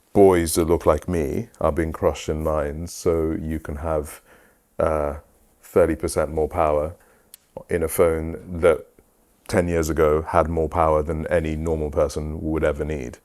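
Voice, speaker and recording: Male host, very deep voice, emphatic and passionate delivery. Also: little pitch movement, a little slow, darkish tone. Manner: passionate, emphatic, rhetorical "right?". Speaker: host, photographer. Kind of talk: casual conversation.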